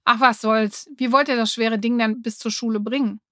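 A woman's voice: a little high, fairly even intonation, normal speed, fairly bright tone, no room sound, clean studio sound, close to an everyday voice. A woman voicing an eager, cheerful schoolgirl in an audiobook reading. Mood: hesitant.

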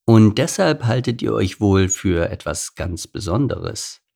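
A man doing a smug, smooth baboon. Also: fairly low pitch, lively intonation, mellow, heavily acted. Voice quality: smooth, pleasant-sounding. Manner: condescending, slow. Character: large strong smug male baboon. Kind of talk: audiobook storytelling.

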